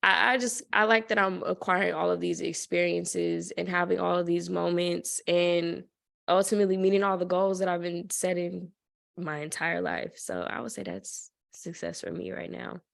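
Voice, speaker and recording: Reflective young woman with gravelly voice. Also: on the low side, normal speed. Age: 20s. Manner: reflective, grateful, with many fillers. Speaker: podcast co-host, student. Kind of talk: casual chat.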